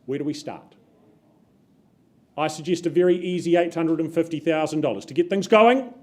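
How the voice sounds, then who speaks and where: A man's voice: a little high, moderate pace, darkish tone. A man runs a live property auction. His delivery is polished, emphatic salesmanship, addressed to buyers. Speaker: real estate auctioneer.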